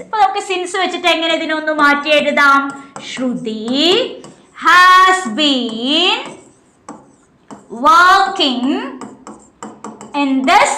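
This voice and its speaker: A woman teaching an exam coaching class. She poses questions and answers them herself, reading slowly and explaining quickly. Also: high voice, bright, forceful tone, echoey room, a little hiss or hum. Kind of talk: online class lecture.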